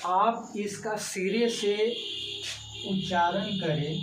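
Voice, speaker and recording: Slow, high-voiced male tutor, echoey room. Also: over music. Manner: slow, explanatory, walks through each option. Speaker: teacher. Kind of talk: exam-prep grammar lesson. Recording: echoey room, mic far off.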